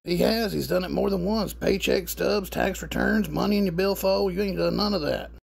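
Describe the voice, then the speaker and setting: Host guy tossing deadpan sarcastic jabs, husky gravelly voice. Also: high-pitched, normal speed. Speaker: show host. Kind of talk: dry commentary over a clip.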